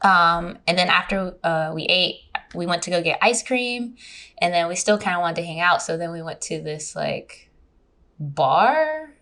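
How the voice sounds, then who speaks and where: A woman's voice: lowish voice, unhurried. A young woman guest on a podcast, telling a dating story in casual chat and laughing often. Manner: giggly, animated storyteller. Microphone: remote recording.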